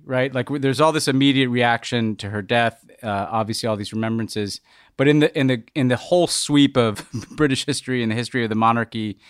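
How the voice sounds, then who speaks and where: Guy hosting a podcast, chatty and halting, repeats himself while thinking, dry sound no room. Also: mid-range voice, dry recording. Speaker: podcast host. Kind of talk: casual conversation and interviewing.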